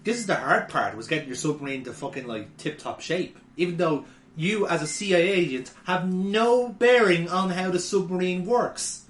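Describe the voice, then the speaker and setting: A man's voice: high-pitched, normal speed, fairly bright tone. A man doing casual, rambling gaming commentary, sweary and laughing often. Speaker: let's play commentator. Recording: echoey room with faint noise.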